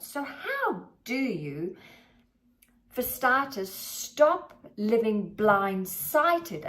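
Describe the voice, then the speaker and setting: A woman money mindset coach giving a motivational talk to camera, with slow, emphatic, drawn-out phrasing. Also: on the high side, fairly bright tone. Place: filming herself on camera.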